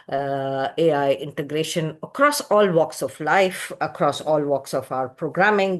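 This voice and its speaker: A UN youth office representative answers questions over a video call. The speech is measured and explanatory, with frequent filler words. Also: mid-range voice. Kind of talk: explanatory answer in an online meeting.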